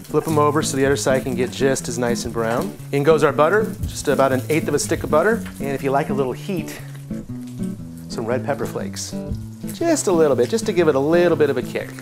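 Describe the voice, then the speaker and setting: A man's voice: medium pitch, lively intonation, a little fast, over music. A young man hosting a homemade cooking show, talking casually and joking as he walks through a recipe. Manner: laid-back, jokey, talks while cooking.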